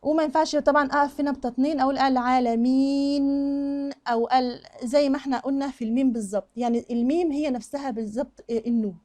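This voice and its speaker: A woman with an Egyptian Arabic accent teaching Quran recitation, demonstrating right and wrong pronunciations and reciting the examples slowly. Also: high voice, dark tone. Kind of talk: tajweed lesson with slow recited examples.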